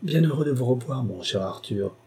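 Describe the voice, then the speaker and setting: A man playing a boisterous middle-aged country gentleman who speaks loudly and excitably. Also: mid-range voice, moderate pace, slightly rough. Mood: effusive. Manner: loud, excitable, exclaiming.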